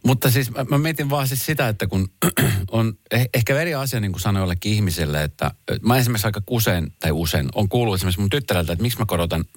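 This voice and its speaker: A man co-hosting a radio show in casual chat, talking loudly and emphatically. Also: lowish voice, expressive, hardly any pauses, no room sound. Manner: loud voice, emphatic. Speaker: radio host. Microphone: studio mic.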